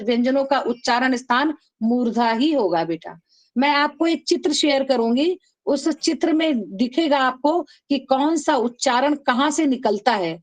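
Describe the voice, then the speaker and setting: Woman teacher, high voice, online lesson, slow drilling chants. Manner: calls students "beta", drills them call-and-response; chants rules slowly, syllable by syllable. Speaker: Sanskrit teacher. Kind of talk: online class lecture.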